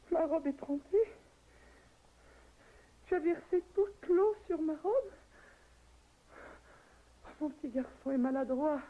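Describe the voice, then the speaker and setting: An actress playing a dying young wife in a 1960s radio drama, faint and breathless as she drifts into delirium. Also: sits high. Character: dying young wife Alceste, feverish and tender. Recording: tinny old radio recording, faint hiss.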